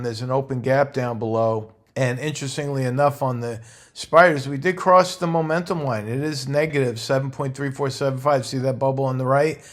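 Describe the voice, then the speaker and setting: A man hosting a midweek stock market report, walking through charts in a measured, instructive way and stressing key price levels. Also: mid-range voice. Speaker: market analyst host.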